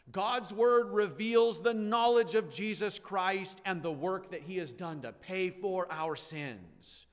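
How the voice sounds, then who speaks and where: A man preaching an expository sermon as pastor, emphatic, with loud declarations that drop to quiet asides. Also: fairly high pitch, in a large hall. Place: church sanctuary.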